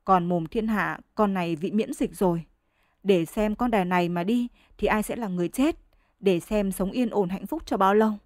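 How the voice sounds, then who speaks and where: A woman reading as a furious village wife with a shrill, cutting tongue, cursing in a mid-pitched voice. The sound is dry and close, with no room around it. A storybook reading of a fed-up peasant woman. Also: normal speed, no room sound, lightly acted. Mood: bitter defiance. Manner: shrill scolding, cursing loudly.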